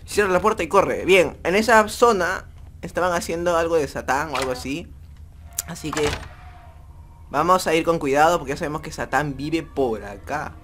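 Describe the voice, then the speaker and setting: A man's voice: on the high side, moderate pace, fairly bright tone, slight background noise. A young man with a Peruvian Spanish accent, playing a horror game and commenting for viewers, jumpy and joking. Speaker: gaming youtuber. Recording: faint music behind voice.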